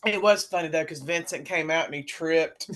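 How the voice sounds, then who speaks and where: A woman on a podcast panel, chatting casually in an animated, mocking way with quick asides. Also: sits low. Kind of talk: casual chat.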